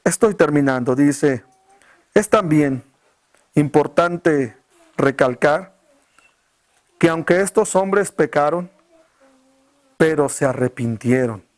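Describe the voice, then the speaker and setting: A male pastor preaching a sermon, firing off rhetorical questions at the congregation and dropping his voice low and quiet to stress key words. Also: lively intonation, takes it slowly, long pauses.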